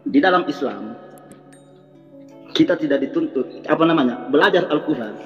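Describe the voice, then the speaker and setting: A man's voice: fairly high pitch, lively intonation, normal speed, long reverb tail, muffled recording, faint music behind. A preacher arguing insistently in a heated debate, repeating his points. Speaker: Islamic preacher.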